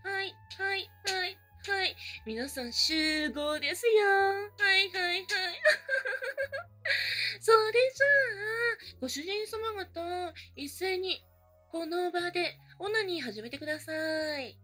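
A woman's voice: extremely high pitch, measured pace, pushed and bright, soft background music. A woman performing an adult roleplay as a maid, speaking in polite maid phrasing with a mocking, teasing manner and frequent giggles.

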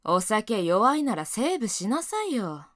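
A woman playing a young adult senior colleague in a second-person audio role-play, scolding her junior and then softly doting and teasing him. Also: mid-range voice, sing-song, unhurried, no room sound, clean studio sound. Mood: exasperated. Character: bossy yet doting older female coworker, young adult.

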